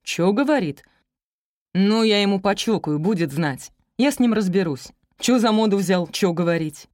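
A rough, plain-spoken working man grumbles bluntly in slangy speech, read aloud by a woman. He comes across as loud and gruff, recorded close and dry. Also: medium pitch, expressive, normal speed, no echo, lightly acted. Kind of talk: audiobook character reading.

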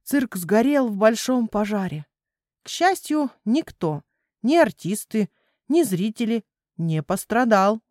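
A woman's voice: fairly high pitch, lively intonation, slow pace, darkish tone, dry recording, clean studio sound. A woman voicing a teasing father raccoon who tells spooky tales in a mysterious voice in a children's storybook.

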